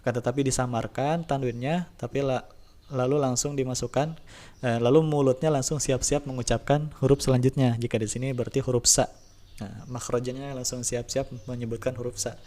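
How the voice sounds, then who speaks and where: A man teaching a tajwid lesson, in a relaxed explaining voice, slowly drawing out recitation examples. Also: mid-range voice. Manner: slow drawn-out recitation demos between relaxed explanations. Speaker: religion teacher.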